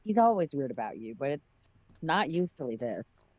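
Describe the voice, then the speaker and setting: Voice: medium pitch, very animated, normal speed, darkish tone, dry recording, muffled recording. A reader voicing a teasing, wisecracking young man friend with pointed remarks.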